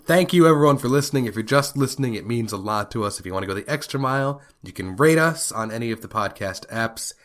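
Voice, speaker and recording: A man's voice: mid-range voice, animated, fast talker, hardly any pauses, fairly bright tone. Congested man hosting a podcast. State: congested with a head cold. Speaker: podcast host. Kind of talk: casual chat, reading listener messages.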